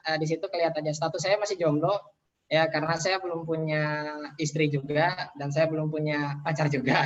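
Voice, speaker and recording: Lo-fi video-call sound captures a man with a fairly high, slightly bright voice. He's an Indonesian in his twenties, guesting casually from home at an online business seminar, using many fillers and poking mild fun at himself.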